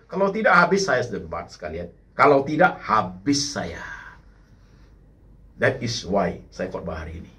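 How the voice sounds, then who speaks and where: Middle-aged guy preaching in church, pitch swinging all over, keeps calling the crowd brothers and sisters and then punches words out hard. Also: fairly bright tone. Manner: addresses the congregation as "saudaraku" over and over, rising to emphatic bursts; mixes English phrases into the sermon. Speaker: pastor. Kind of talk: sermon.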